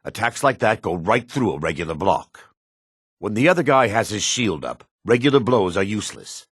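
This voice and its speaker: A man voicing a gruff, dry-mannered dark elf warrior and townsman in a fantasy video game, with a gravelly, husky voice. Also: fairly low pitch, very animated, moderate pace, no room sound. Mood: instructive, firm. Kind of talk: video game character voice lines.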